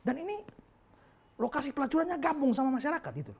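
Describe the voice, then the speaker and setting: A man's voice: very high-pitched, lively intonation, fast talker. A male pastor preaching a sermon in a humorous storytelling manner.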